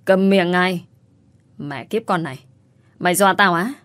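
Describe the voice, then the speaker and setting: Storybook role: harsh old mother-in-law, contemptuous and coarse; voiced by a woman narrator, somewhat low voice. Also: moderate pace, a bit bright, lightly acted. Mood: scolding.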